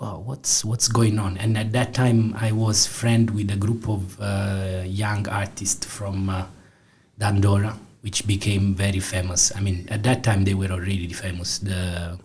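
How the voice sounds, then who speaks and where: A Neapolitan-accented film director in his forties from southern Italy appears as a studio interview guest, speaking with lots of fillers and restarts. His voice is on the low side and a little mellow, with slight background noise.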